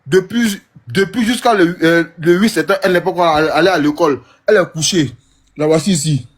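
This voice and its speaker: A man's voice: fairly high pitch, fairly quick, husky. A young man with an Ivorian French accent calling in, moved and pleading, repeating himself and stumbling over words. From Côte d'Ivoire. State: emotional, moved. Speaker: caller. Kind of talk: emotional call-in plea.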